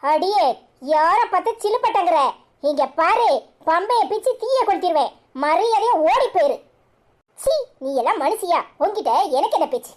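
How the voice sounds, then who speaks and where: A woman's voice: extremely high pitch, expressive, normal speed. A woman voicing a fierce cartoon sister-in-law, hurling insults in a Kanyakumari Tamil accent. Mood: scornful. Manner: scornful, shouting insults. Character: fierce woman defending her brother's wife. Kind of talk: cartoon serial voice acting.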